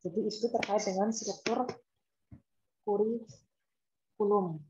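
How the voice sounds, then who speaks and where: This university lecturer, an Indonesian woman, speaks slowly and steadily in a warm, medium-pitched voice. Her online lecture is informal, full of examples and repetition, with questions put to students over a laptop call. Sound quality is muffled and lo-fi.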